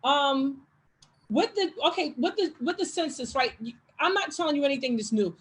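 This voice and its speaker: A woman interviewer with a high voice asks her questions in a hurry. She fills her pauses with frequent ums. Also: expressive, poor audio. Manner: hurried, with many ums.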